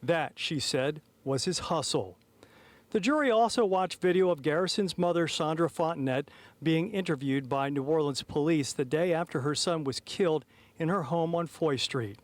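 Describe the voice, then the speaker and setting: Male TV news reporter, fairly high register, formal measured live delivery, recorded outdoors in the city. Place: outdoors outside a city courthouse. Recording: live outdoors on an urban street.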